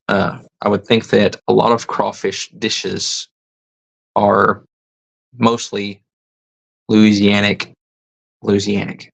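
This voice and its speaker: Slow, gravelly man musing aloud. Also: lowish voice, poor audio. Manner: musing aloud, hesitant, stops to rethink words. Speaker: livestream host. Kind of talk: casual live chat reading viewer comments.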